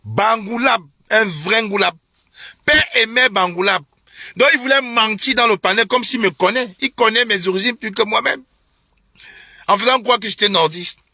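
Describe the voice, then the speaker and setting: A man's voice: high voice, moderate pace, bright, forceful tone, no echo, studio quality. A young man from Cameroon, ranting on a live stream with indignant, repetitive, mocking talk and scornful laughs. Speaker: online political commentator. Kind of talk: heated live-stream rant.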